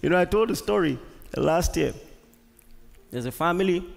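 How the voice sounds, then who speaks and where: Nigerian man, pastor, sermon, gravelly tone, long hall reverb, emphatic repetitions, questions to the congregation. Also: high-pitched, expressive, moderate pace. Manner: emphatic preaching with repeated words and questions to the congregation. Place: large church hall.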